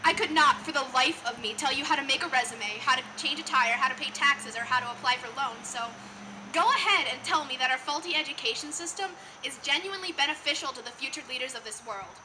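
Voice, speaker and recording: Fast-talking and high-voiced, a teen slam poet gives a live performance that is earnest, emphatic and rhetorical. Background noise from the live event is noticeable in the recording.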